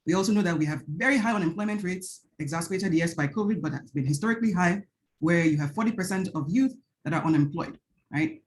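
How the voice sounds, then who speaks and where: On a video call, a Nigerian researcher gives an earnest academic panel talk in a fast, lowish voice with a Nigerian accent, checking in with "right?" and restarting phrases often. The audio is poor, with a bit of hiss or hum.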